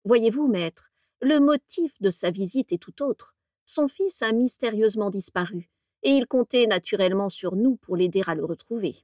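A woman's voice: medium pitch, expressive, normal speed, a little mellow, dry recording, natural voice. Icy old wizard dad sneering at everyone woman reading him, dry voice. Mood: smug. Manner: icy, contemptuous and commanding. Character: cold, scheming old wizard patriarch. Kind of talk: audiobook reading.

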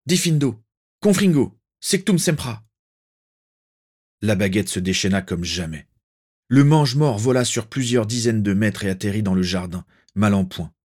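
A man narrating a fan-fiction story aloud in a measured, dramatic storytelling way. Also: fairly low pitch, darkish tone.

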